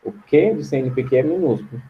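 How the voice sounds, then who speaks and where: A male teacher with a Brazilian Portuguese accent giving an online grammar lesson, patient and slow, repeating words to his students. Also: medium pitch, animated, muffled recording.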